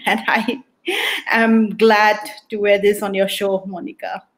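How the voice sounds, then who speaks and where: A woman's voice: medium pitch, level tone, takes it slowly. A middle-aged woman from Manipur in northeast India with a Naga accent, talking as an interview guest on a video call. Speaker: guest, sociology professor. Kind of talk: interview talk. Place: book-lined room at home.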